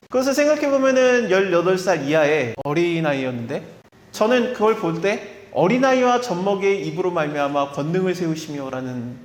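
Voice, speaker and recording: Guy preaching a sermon, chatty, acts out the quotes, big roomy church echo. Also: a little high. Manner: conversational, acts out quoted voices, chuckles. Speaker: pastor. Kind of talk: expository sermon. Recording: echoey hall reverb.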